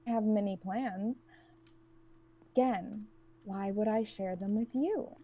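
A woman playing a cold, guarded woman trapped with strangers, who speaks in a blunt, cutting monotone. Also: medium pitch, slow pace, husky, highs cut off.

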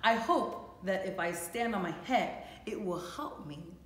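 An earnest, silly toad from a children's storybook, acted out by a woman reading aloud. The delivery is emphatic and very lively in pitch, with audible room echo. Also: a little slow. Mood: earnest, determined. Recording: echoey room.

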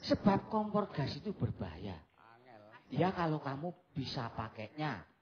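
A man voicing a calm, teasing village man in a live puppet comedy, drawling low and soothing with a mocking edge and a Javanese accent. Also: unhurried. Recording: slightly dull live stage recording, crowd. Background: audience crowd.

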